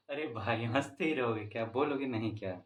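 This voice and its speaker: A man teacher with a Bihari accent tells his class a joke in a playful, casual way and keeps breaking into laughter. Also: medium pitch. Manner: speaks to students directly.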